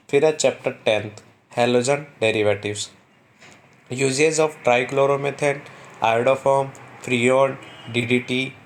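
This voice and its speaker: A male teacher walking students through a syllabus, reading topic names slowly and explaining quickly in between. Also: medium pitch. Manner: reads English topic names slowly, explains in fast Hindi; repeats "ठीक है" to check in with students. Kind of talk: exam syllabus walkthrough.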